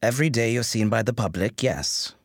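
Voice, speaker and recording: An actor playing a strict, dry male royal aide who talks in a clipped, deadpan way. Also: mid-range voice, fairly quick, no room sound, lightly acted. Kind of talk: audio drama acting.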